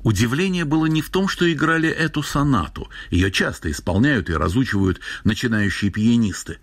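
A man narrating literary prose in a measured, even manner. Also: mid-range voice, no echo.

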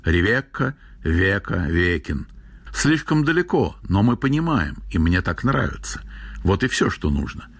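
A man reading aloud, voicing a huge dry old uncle who speaks too loudly and sternly for his age. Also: low voice, very animated, measured pace, gravelly, husky, no room sound, exaggerated voice. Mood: jovial teasing.

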